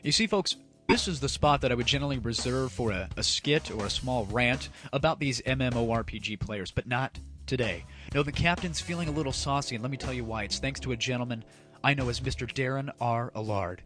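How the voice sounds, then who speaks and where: A man's scripted gaming comedy rant comes across as crude, sarcastic, and grandly theatrical in jest, with music playing behind him. He speaks fairly quickly in a mid-range, slightly bright voice as the show's online host.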